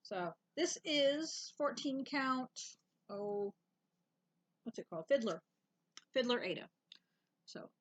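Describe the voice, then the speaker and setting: Lively high-voiced woman chatting. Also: slow pace, long pauses. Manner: laughs easily, wry. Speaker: co-host. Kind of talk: casual chat.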